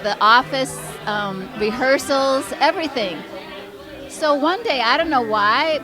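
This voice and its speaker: High-voiced woman, slow reminiscing. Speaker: memorial speaker. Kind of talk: reminiscing tribute speech.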